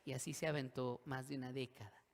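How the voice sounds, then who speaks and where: A man's voice: mid-range voice, level tone, fast, vocal fry. Dramatic preaching man in a reverberant hall. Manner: dramatic preaching with acted inner voices and call-and-response. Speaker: pastor. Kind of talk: sermon. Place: church hall.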